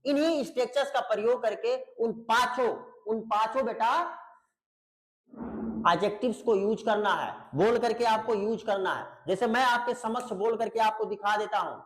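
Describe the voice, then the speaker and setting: A man with a high-pitched voice teaches grammar online, explaining everything in Hindi with pronunciation. He drills each point by repeating it, then asks his students to answer back. He calls them beta in a patient, teacherly way. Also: moderate pace, fairly bright tone, rough recording. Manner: explains in Hindi, repeating key words and asking students questions; addresses students fondly as beta. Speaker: English teacher. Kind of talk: online English grammar lesson.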